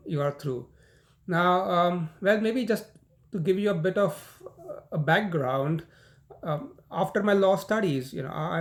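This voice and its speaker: Teaching a university law class on a recording, a man with an Indian accent speaks in a voice pitched a little above the usual male range. He explains things conversationally, often saying "you know" and "um," repeating words and making false starts.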